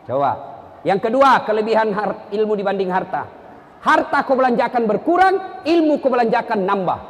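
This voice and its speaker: A man's voice: high-pitched, normal speed. A middle-aged man, preaching a humorous sermon and acting out the people in his stories. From South Sulawesi, Indonesia. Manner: storytelling, acting out characters, lively jokes. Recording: echoey hall, long reverb.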